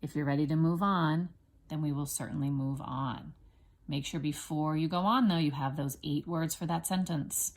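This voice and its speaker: A woman's voice: low voice, steady tone. A woman teaching first graders, dictating spelling sentences word by word with lots of ums. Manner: slow, deliberate dictation with many ums. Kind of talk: spelling dictation lesson for children.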